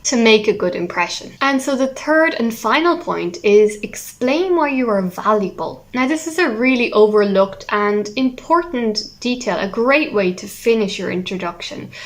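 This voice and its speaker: Irish woman, english teacher, young adult, musical, expressive, stresses words. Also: on the high side, normal speed, few pauses. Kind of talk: online English lesson.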